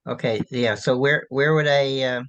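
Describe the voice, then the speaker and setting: A man's voice: mid-range voice, fairly even intonation, normal speed, no echo, lo-fi sound. A man, an author, asking a question on a video call. He then fumbles with the screen-share settings, sounding hesitant. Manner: hesitant, unsure with the software. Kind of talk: casual talk on a video call.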